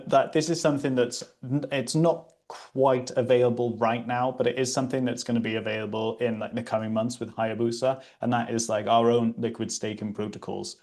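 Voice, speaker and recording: Host slot: British man, gravelly voice, loose and chatty delivery with lots of ums. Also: medium pitch, darkish tone. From Britain. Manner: casual, chatty, many fillers and restarts. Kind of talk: livestream presentation.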